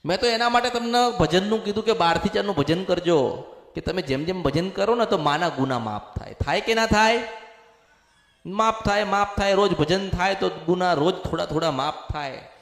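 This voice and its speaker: A man serving as a spiritual medium preaches a possession sermon, speaking in the first person as a goddess and repeating himself a lot. His voice sits high and is a bit bright, at a moderate pace, in an echoey hall with long reverb.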